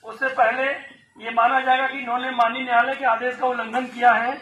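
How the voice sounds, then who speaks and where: High, monotone town crier man on megaphone. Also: fairly quick, muffled recording. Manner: formal, monotone reading of a legal notice. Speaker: police officer making a public proclamation. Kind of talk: town crier style official announcement, read from a paper. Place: outdoors in a house courtyard. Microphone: handheld megaphone, filmed by a camera a few metres away.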